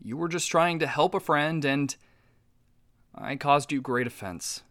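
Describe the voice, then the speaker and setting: Earnest, lively-voiced man hosting. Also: fairly high pitch, a little slow, dry recording, clean studio sound. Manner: earnest, exasperated, eager to please. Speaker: host of an advice show. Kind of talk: comedic sketch hosting.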